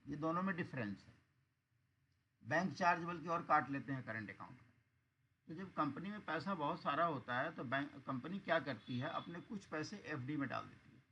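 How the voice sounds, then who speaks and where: A man's voice: a little high, sharp tone, lo-fi sound, slight background noise. Man teaching an online accounts class. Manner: patient explaining, asks students rhetorical checks.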